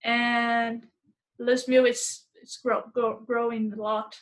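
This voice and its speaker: A Brazilian fitness instructor in her thirties, whose first language is Portuguese, chats casually as a guest on a call in a Brazilian-accented voice. Her slow, rather high voice has little pitch movement, and she often hesitates and repeats words while searching for English.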